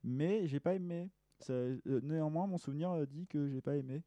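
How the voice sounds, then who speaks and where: A man with a very dark, deep-toned voice chats casually as a podcast co-host, rambling with many fillers. The sound is dry and close to the desk mic. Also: normal speed, no echo. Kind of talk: casual chat. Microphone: desk microphone.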